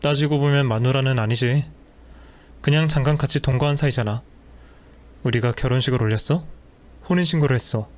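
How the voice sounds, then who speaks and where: A man's voice: mid-range voice, a little fast, pauses often, lightly acted. A cold, contemptuous husband, read by a man in a mid-range voice, scornful and dismissive with every line. An audio drama figure of a cruel man who sneers down at his wife.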